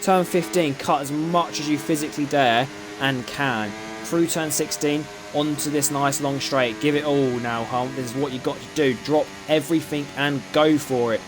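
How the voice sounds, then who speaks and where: A man's voice: on the high side, steady tone, moderate pace, few pauses, music in the background. A man with an Essex accent doing live commentary on an online racing league, chatty and often tripping over names and correcting himself. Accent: Essex English.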